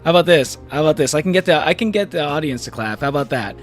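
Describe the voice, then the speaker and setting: A man with a high-ish, lively voice talks very fast over faint music while streaming a game. Chatting casually with viewers, he rambles, restarts a lot, leans on fillers and laughs frequently.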